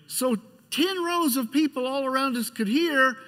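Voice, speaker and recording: A middle-aged man preaching a church sermon in a conversational, pastoral way, with halting restarts as he tells stories and prays. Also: very high voice, pushed and bright. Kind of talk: church sermon with personal storytelling and prayer. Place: large church sanctuary. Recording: church hall with long reverb.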